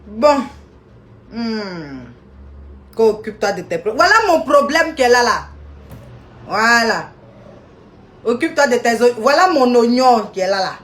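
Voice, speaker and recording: A woman's voice: a little high, animated, measured pace, pauses often. A woman ranting indignantly on a live video stream, scolding people and greeting viewers by name.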